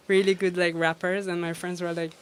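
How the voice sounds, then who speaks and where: Lady dj in an interview, smooth clear voice, laughs a lot, lots of ums. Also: on the low side, little pitch movement, normal speed. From Iran. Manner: laughs often, storytelling with many fillers. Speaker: DJ and guest. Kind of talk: casual interview.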